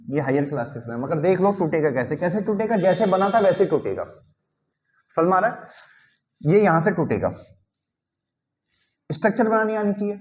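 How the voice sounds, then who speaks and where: A male chemistry teacher lecturing a class, constantly checking whether students follow and slipping English phrases into his teaching. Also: high voice. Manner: keeps checking understanding with quick repeated questions.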